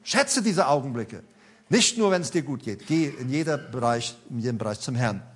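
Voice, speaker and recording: A man's voice: mid-range voice, animated, moderate pace, husky. A man in his sixties preaching a sermon in a conversational way, talking straight to his listeners and building to emphatic peaks.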